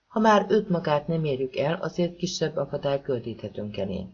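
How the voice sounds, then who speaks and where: A man narrating a thriller novel as an audiobook, reading calmly and evenly and giving the characters soft voices. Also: a little high, slightly rough. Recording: dull lo-fi audiobook recording.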